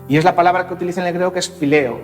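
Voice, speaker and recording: Brief: male Spanish preacher, high-ish voice, animated sermon delivery, soft music underneath. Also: very fast. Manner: animated, acting out dialogue with voice shifts. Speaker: pastor. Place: church.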